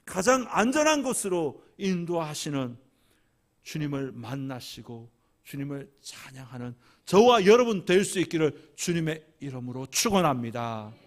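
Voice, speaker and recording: High, lively man preaching a sermon. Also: moderate pace. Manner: dramatic swings from hushed whispers to loud emphatic climaxes; rhythmic repetition of phrases. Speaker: senior pastor. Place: church sanctuary.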